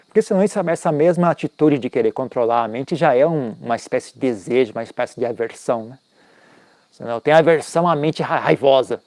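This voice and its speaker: Mellow-voiced man giving a casual dharma talk. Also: mid-range voice, fast talker, no room sound. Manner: conversational, frequent tag questions, self-mocking asides. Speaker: Buddhist teacher.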